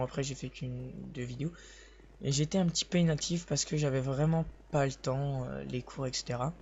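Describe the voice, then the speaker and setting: A young man talks quietly through a sore voice while playing, rambling and backtracking as he explains the game. His pitch sits in an ordinary middle range. The recording is a little dull and lo-fi, with a faint hiss underneath. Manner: hesitant, rambling, restarts sentences. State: sore voice, speaking softly. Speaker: gaming video host. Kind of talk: live gameplay commentary.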